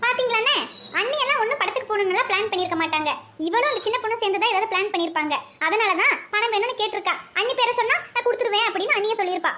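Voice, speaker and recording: A woman's voice: very high-pitched, racing, sharp tone. A woman voicing a hot-tempered young husband in a cartoon, with a Kanyakumari Tamil accent, grumbling indignantly.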